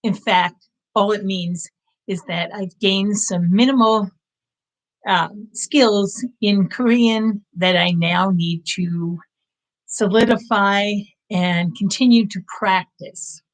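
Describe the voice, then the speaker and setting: A fifty-nine-year-old woman, a native English speaker, hosts her own language-learning channel and gives a casual live-stream update that is earnest, reflective and encouraging. Her medium-pitched voice is slow-paced, and her live-stream setup gives a rough recording.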